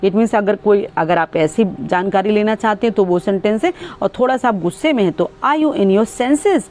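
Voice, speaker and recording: A woman teaching English sentences in Hindi, explaining with fillers and saying each English sentence very slowly and clearly. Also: mid-range voice, a little mellow.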